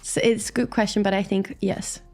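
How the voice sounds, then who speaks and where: The guest, a twenty-something Australian dancer, chats casually in an interview, sounding upbeat and thoughtful. Her medium-pitched voice is brisk, a little mellow and fairly even in intonation, with soft background music.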